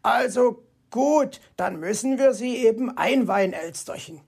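A reader voicing a cheeky, jovial male fox who teases his friend, in a raised pitch for a storybook reading. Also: expressive, a little slow, creaky, a little mellow, breathy edge, heavily acted. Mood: coaxing. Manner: teasing, laughs at others.

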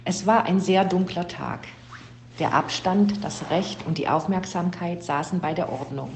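A woman with a low, mellow voice reads a storybook aloud in a steady, even way. The room is echoey, and a faint hum runs underneath her. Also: measured pace. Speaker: reader of a children's story. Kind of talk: scripted storybook narration.

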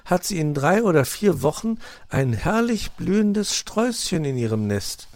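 A man's voice: high-pitched, big pitch swings, normal speed, dry recording, voice pushed up. A man voicing a cheerful, clever young male fox nephew in an audio story. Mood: eager. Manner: eager, bright.

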